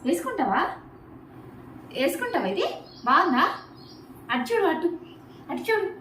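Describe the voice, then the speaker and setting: A woman's voice: very high voice, big pitch swings, moderate pace, a bit bright, far from the mic, a little hiss or hum. A woman family vlogger talking in a casual, cooing, sing-song baby talk as she coaxes a small child, repeating herself. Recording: echoey room.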